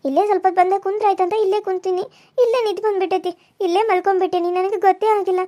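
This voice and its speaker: A woman's voice: extremely high pitch, flat delivery, rapid-fire, warm tone, no room sound. A woman voicing a meek, overworked young daughter-in-law, who talks in a pleading, apologetic way. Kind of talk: cartoon voice acting.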